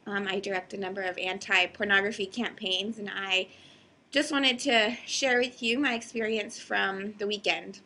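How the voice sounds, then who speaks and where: An earnest woman recounts a personal experience in a recorded video statement. Her voice is bright and forward, sitting at an ordinary middle pitch. She talks with hesitant pauses and small fillers. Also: fairly even intonation. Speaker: executive director of an advocacy group.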